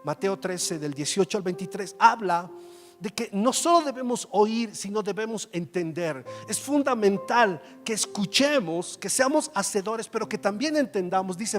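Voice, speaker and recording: A man's voice: high-pitched, lively intonation, moderate pace. A male pastor preaching a conversational sermon, using rhetorical questions and acting out Bible dialogue. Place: large church hall. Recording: reverberant church hall with faint music.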